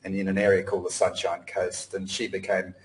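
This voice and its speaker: A man's voice: sits low, monotone, brisk, rough recording. A middle-aged man from Australia giving a casual online presentation, rambling with lots of fillers and restarts. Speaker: webinar presenter. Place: home in Cambodia.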